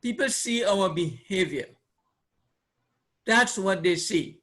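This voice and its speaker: This Trinidadian man speaks slowly in a high, animated, slightly bright voice. As a presenter and trainer at an informal seminar, he teaches a live audience conversationally, repeating phrases and asking his listeners questions. His Caribbean accent comes through clearly.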